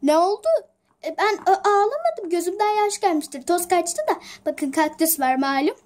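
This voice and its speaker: A woman's voice: very high-pitched, lively intonation, moderate pace, a little mellow. A woman voicing an anxious young office worker in a homemade toy drama, frantic and tearful when things go wrong. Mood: nervous. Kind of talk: toy-figure home drama.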